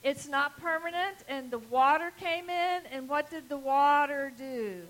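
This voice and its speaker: A woman with a high-pitched, slightly bright voice speaks at a measured pace, leading a children's sermon like a kids' show host. She asks simple questions and leaves time for replies, in front of a congregation in a large church sanctuary, captured on a low-quality recording.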